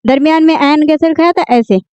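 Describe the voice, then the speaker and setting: Casting: woman teacher, high clear voice, patient and repetitive, dull dry recording. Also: a little mellow, no room sound. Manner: repeats words slowly, asks and answers own questions. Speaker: Urdu teacher. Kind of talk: beginner language lesson.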